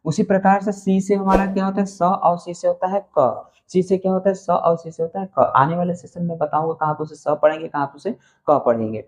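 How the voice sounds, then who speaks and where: A man with a Hindi accent and Hindi as his first language, teaching beginners English phonics, spelling letters out slowly and repeating each answer. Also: sits high, fairly even intonation.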